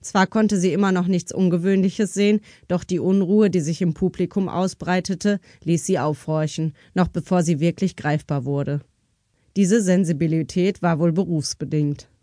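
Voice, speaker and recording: A woman's voice: on the low side, fairly even intonation, normal speed, warm tone, no room sound, studio quality. Woman narrating a crime audiobook. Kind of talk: scripted narration.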